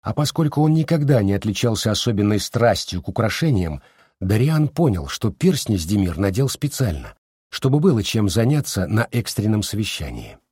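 A man narrating an audiobook, expressive, voicing every character himself. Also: fairly low pitch, moderate pace, husky, no room sound, clean studio sound. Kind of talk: scripted narration.

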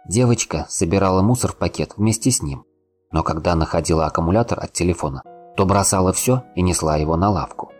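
A man narrating an audiobook in a calm, unhurried reading. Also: deep voice, breathy edge. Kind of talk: scripted narration.

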